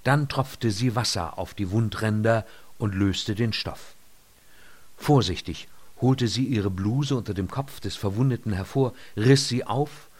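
Husky low-voiced male audiobook narrator. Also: measured pace, a little mellow. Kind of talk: scripted narration.

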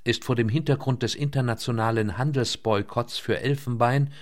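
A man reading a novel aloud in a measured, scripted way, slowing down on key words. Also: medium pitch, fairly even intonation. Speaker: audiobook narrator. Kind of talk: scripted narration.

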